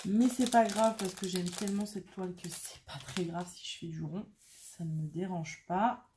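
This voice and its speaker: A woman's voice: on the low side, fairly even intonation, normal speed. Chatty self-mocking woman crafting, noisy room. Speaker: craft vlogger. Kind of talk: casual chat while crafting.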